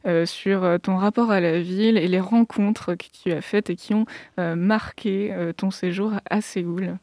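A woman hosting a radio interview, friendly and quick to laugh. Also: medium pitch, fairly even intonation, a little mellow, dry recording, studio quality. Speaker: radio host. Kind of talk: casual interview talk.

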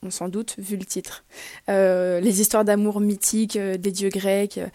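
A woman reading her regular radio column in a chatty, upbeat way, pausing on fillers now and then. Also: medium pitch, flat delivery, dark tone, no room sound, studio quality. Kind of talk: scripted podcast recommendation.

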